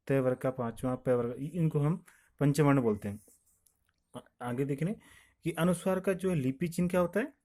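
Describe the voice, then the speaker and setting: A man's voice: on the high side, darkish tone. A man teaching grammar, who repeats each point and asks questions that he then answers himself. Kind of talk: classroom explanation with questions and answers.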